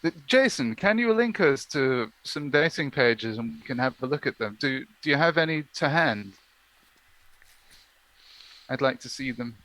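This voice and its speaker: A man's voice: medium pitch, lively intonation, unhurried, a bit bright. Chatty man on a stream. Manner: chatty, searching aloud while talking. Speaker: streamer co-host. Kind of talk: casual chat on a live stream.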